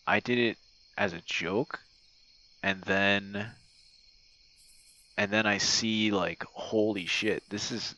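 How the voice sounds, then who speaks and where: An online audio creator and game streamer rambles hesitantly in a lowish, bright and forceful voice, as if leaving a voice message for a friend, swearing freely. The highs are cut off, and crickets and other insects sound in the outdoor night behind him.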